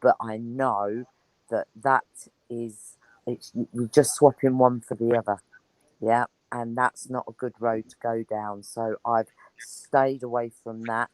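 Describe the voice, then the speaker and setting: A woman's voice: extremely low pitch, flat delivery, a little slow, darkish tone, dry recording, rough recording. A woman chatting casually as a guest, rambling and enthusiastic. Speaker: guest on an online chat show. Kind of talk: casual chat.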